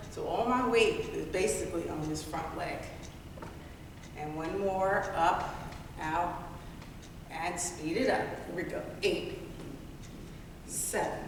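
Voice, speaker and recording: A woman leading a workout class, counting down and giving cues in an encouraging, playful way. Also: lowish voice. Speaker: group fitness instructor. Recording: echoey hall, distant mic, faint noise.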